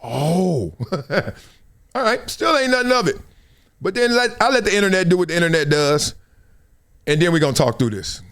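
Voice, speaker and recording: A man's voice: sits high, big pitch swings, normal speed, pauses often, fairly bright tone. A middle-aged man with an American accent, hosting a show with casual, slangy, joking commentary and storytelling. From United States, South Central Los Angeles. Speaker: show host.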